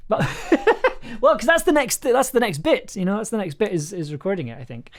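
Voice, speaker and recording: A high-pitched, animated man speaks at a moderate pace while hosting a casual livestream chat over a remote online call. He's an audio drama writer and producer, and he talks in an effusive, rambling, enthusiastic way.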